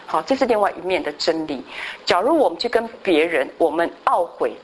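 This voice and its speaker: Lowish-voiced woman telling a story in class. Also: a little fast, breathy edge, rough recording. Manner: animated storytelling, mixing in English words, frequent tag particles. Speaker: Bible class teacher. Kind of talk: teaching a Bible class with a personal story.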